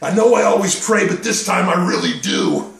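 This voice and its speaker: A man's voice: high voice, wildly swooping pitch, moderate pace, gravelly, heavily acted. An actor playing a man nervously pleading and bargaining with God. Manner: pleading, rambling, nervous joking. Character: desperate young man bargaining with God over a game. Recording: echoey, mic at a distance.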